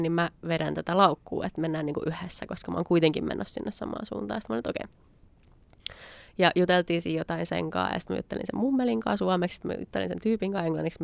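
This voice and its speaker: Young woman with a creaky low voice. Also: dry recording. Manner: chatty, acts out her own past lines with quoted asides. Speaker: storyteller. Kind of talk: casual spoken anecdote.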